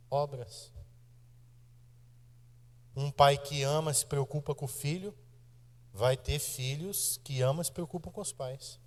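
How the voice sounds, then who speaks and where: A Brazilian man in his thirties preaching a sermon in a church, his mid-pitched voice carrying a long reverb tail from the hall. He talks straight to the congregation, pressing points hard, stretching some phrases slowly and rushing others. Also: darkish tone. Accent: Brazilian Portuguese. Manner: emphatic preaching with shifts of pace, direct address to the congregation. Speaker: pastor. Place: church sanctuary.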